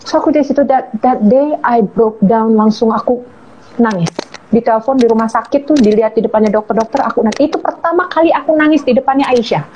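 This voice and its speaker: A woman telling a heartfelt personal story as an interview guest, earnest and slowing on key words. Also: on the high side, darkish tone. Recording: muffled lo-fi audio with faint hiss.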